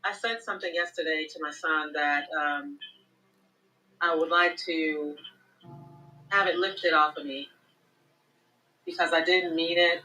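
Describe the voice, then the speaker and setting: A woman's voice: sits low, steady tone, pushed and bright, faint music behind, low-quality recording. A woman calling in as a mother, speaking hesitantly, stopping often with ums as she confesses something. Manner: hesitant, halting with many ums. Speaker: caller, a mother. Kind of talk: live call-in confession.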